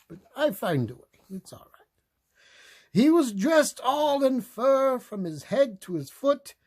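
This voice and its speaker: A man's voice: high voice, a little mellow, slightly rough, heavily acted. A man playing a kindly, playful old Santa Claus, reading a storybook aloud in a jolly, theatrical way with chatty asides. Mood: warm, playful. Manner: jolly, chuckling, theatrical, unhurried.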